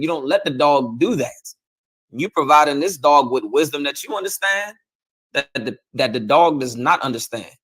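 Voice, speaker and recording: A man preaching in a plain, colloquial way, circling back on his points. He keeps checking in with "you understand?" and sometimes pushes up into loud, emphatic bursts. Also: medium pitch. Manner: repetitive, asks "you understand?" often; colloquial, preachy, rising to shouts. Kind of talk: street sermon.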